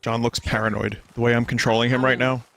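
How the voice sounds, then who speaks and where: A man's voice: medium pitch, little pitch movement, fast, gravelly, a bit bright, slight background noise. Joking, profane male streamer. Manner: joking, profane, mock voices. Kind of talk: casual gameplay commentary.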